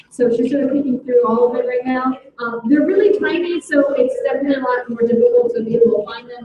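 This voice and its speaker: A high-pitched woman explains things to visitors at a science center, patient and full of little ums. She sounds set back from the mic in a very echoey indoor space, and the sound is a bit dull. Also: distant mic. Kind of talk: live explanatory talk.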